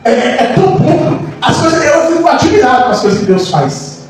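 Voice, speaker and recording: A man, a pastor, preaching a sermon with passion, moving between soft lines and shouts. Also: extremely high pitch, sing-song, normal speed. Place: church hall. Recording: echoey church hall, mic far off, faint noise.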